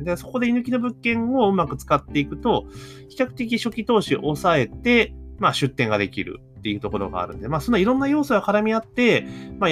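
Fast, lively Japanese-speaking man musing. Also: on the high side. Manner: thinks aloud with many fillers and rhetorical questions. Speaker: podcast host. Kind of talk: casual solo commentary.

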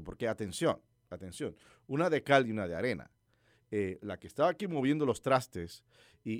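Animated preacher man, dry sound. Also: mid-range voice, no echo. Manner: animated storytelling preacher, asks listeners questions. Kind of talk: conversational sermon.

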